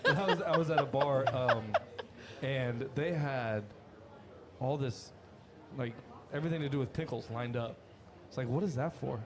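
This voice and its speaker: A man's voice: mid-range voice, unhurried, pauses often. Laughing, storytelling podcast guest man. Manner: animated storyteller, laughs often. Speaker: guest from a cigar company. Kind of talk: casual podcast chat. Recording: crowd chatter in background.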